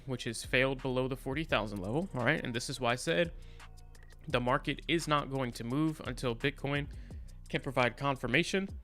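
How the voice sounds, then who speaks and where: Man, medium pitch, casual live stream host, conversational market commentary, speaks directly to viewers, background music. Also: a bit bright. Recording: music playing behind the voice.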